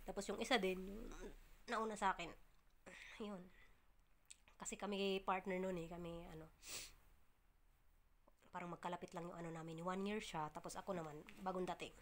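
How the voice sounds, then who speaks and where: A woman vlogging casually to her viewers, chatty and full of fillers and restarts, often laughing and breaking off to cough or clear her throat. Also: on the low side, fairly even intonation, normal speed, pauses often. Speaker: vlogger, domestic worker abroad.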